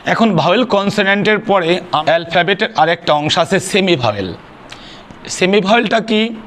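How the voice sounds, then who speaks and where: A man's voice: high voice, lively intonation, moderate pace, fairly bright tone. A man teaching an English grammar lesson. He spells words out letter by letter, asks questions and answers them himself, and mixes English phrases into his explanations. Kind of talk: spoken classroom lesson.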